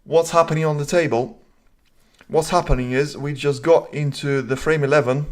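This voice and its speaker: A man's voice: on the high side, fairly even intonation, moderate pace. A man hosting a live stream, giving casual commentary and reading viewer comments aloud, with rambling, self-deprecating asides. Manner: chatty, reads viewer comments aloud and answers them.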